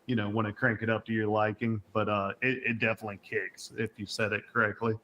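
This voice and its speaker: A man's voice: lowish voice, level tone, quick pace, bright, forceful tone, slight background noise. A man chatting casually as a guest on a live stream. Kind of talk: casual chat.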